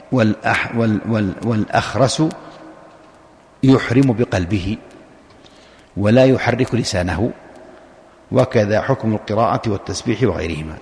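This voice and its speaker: A man teaching a religious lesson, explaining a text step by step, repeating key points and asking and answering his own questions. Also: lowish voice. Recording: long hall reverb.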